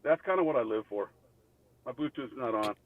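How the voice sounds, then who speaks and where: A man's voice: mid-range voice, animated, brisk, a little hiss or hum. A man calling into an online debate, his audio tinny as if in a tin can, combative and repeating himself insistently. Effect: tinny, tin-can sounding audio. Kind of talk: heated call-in debate. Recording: tinny phone-like call line.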